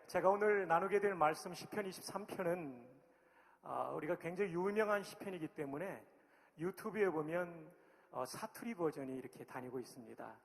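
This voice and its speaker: A man's voice: fairly high pitch, normal speed, creaky. A middle-aged man from Chungcheong, a pastor and former army chaplain, preaching a sermon in a friendly, chatty way. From Chungcheong, Korea. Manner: friendly, chatty, cheering the crowd on. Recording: long hall reverb.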